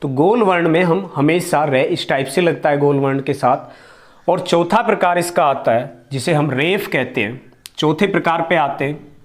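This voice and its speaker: A man with a somewhat high voice gives a classroom-style grammar lesson. He explains slowly and patiently, repeating terms and asking questions only to answer them at once. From India. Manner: explains slowly, repeats key words, asks and answers his own questions. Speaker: teacher.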